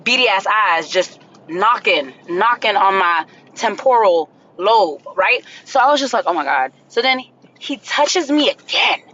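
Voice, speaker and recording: Animated woman with shrill screaming bursts. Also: unhurried, muffled recording, slight background noise. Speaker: social media poster. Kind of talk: casual rant to camera.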